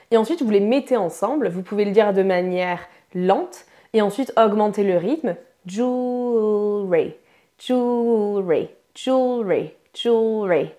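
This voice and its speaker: A young woman from France, a pronunciation teacher, giving a chatty, upbeat online lesson and drilling words slowly. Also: fairly high pitch, dark tone.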